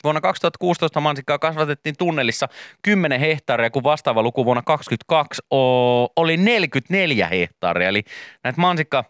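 A man's voice: on the high side, lively intonation, fairly bright tone, no room sound, clean studio sound. Kirkas ja eloisa miesääni aamuradiosta. Hän kertoo tarinoita rupattelevasti ja lukee otsikoita ääneen. Ääni on äänitetty kuivaan studioon, ilman kaikua. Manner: chatty storyteller, reads headlines aloud. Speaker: radio morning show host. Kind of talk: casual on-air banter. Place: radio studio. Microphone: studio microphone.

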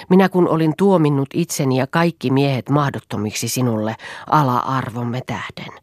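Woman reader doing a fervent, pleading man; breathy, dry read. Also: a bass voice, darkish tone, no echo, full character voice. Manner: intense, impassioned pleading. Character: passionate man pleading with an old friend.

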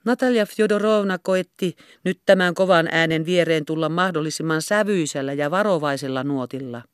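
A woman narrates a classic novel in a steady, even audiobook reading. Her voice is smooth and resonant, recorded close and dry with no room sound. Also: low-pitched, dry recording. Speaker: audiobook reader.

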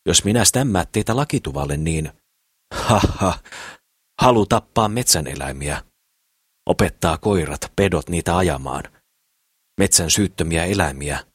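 Creaky-voiced idealistic dwarf, lecturing and earnest, read by a man. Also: sits low, expressive, pauses often, no room sound, clean studio sound. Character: crippled dwarf craftsman, idealistic and preachy.

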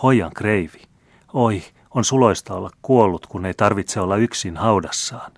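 Teasing young french marquise, read by a man, playful, deep low voice lifted a little, dry close audiobook sound. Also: slightly rough, dry recording.

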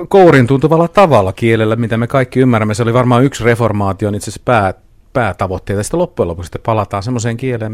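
A man with a lowish voice moderates a panel discussion. He poses questions and hands the floor to each speaker in turn. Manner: asks questions, introduces speakers. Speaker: host.

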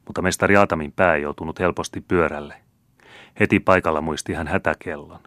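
Man, audiobook narration, very low voice, dry close sound, measured reading. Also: steady tone, fairly bright tone, dry recording. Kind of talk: scripted narration.

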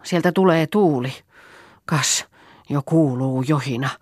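A woman reading the part of an excitable young peasant girl in an audiobook play, with a fearful, exclaiming delivery. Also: sits low, dry recording, studio quality. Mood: alarmed.

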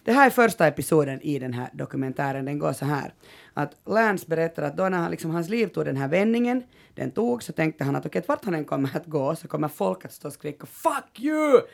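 A Finland-Swedish woman hosting a podcast, telling a story in a lively way and acting out what people said. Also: low voice, creaky. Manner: lively storyteller, retells scenes with animated quoted outbursts. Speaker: podcast host. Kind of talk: casual chat.

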